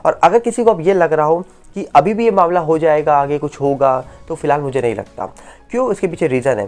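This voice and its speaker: A woman giving rapid spoken news commentary on entertainment stories, full of rhetorical questions and emphatic repetition, on a close voice-over mic. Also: low voice, darkish tone.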